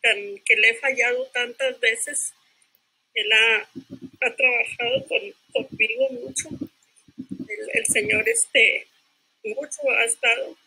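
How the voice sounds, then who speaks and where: An older woman giving her personal testimony in a church class. She speaks haltingly, repeats herself and keeps adding tag questions. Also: a little high, expressive, creaky, sharp tone, slightly rough, poor audio.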